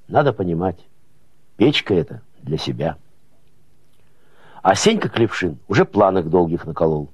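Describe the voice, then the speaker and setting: A man narrating prose as an audiobook, with expressive folksy storytelling rhythm. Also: low-pitched, moderate pace, pauses often, husky, dry recording.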